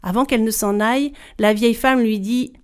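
A woman storyteller telling a folktale aloud, expressive and speaking directly to her listeners. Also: on the high side, fairly quick, clear, resonant tone.

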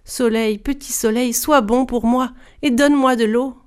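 A woman's voice: a little high, fairly even intonation, moderate pace, a little mellow, clean tone, close to an everyday voice. A woman voicing a young bride who pleads and cries out for help, in a storybook reading. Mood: imploring. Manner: pleading, rising to urgent cries.

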